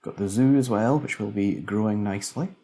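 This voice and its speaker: Late at night and tired, a let's play commentator casually narrates a city-building game, musing aloud as he builds. His voice is lowish and dark, and he talks fairly quickly.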